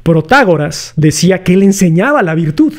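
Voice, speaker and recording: A man's voice: high-pitched, big pitch swings, moderate pace. A man with a Mexican accent hosting a casual philosophy lesson, talking in a chatty, slangy way and putting rhetorical questions to his viewers. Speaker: philosophy video host. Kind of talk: casual explanatory lecture.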